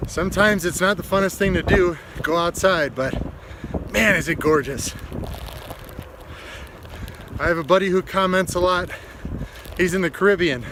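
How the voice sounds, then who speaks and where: A man in his thirties chatting casually to a phone at arm's length outdoors, upbeat and encouraging like a fitness vlogger. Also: high-pitched. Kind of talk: casual selfie video chat. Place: outdoors in a snowy blizzard. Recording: loud wind noise on the microphone.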